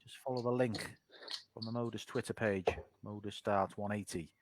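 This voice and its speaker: A man's voice: on the low side, fairly even intonation, normal speed. A man giving live sports commentary on a darts match. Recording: very noisy live stream sound.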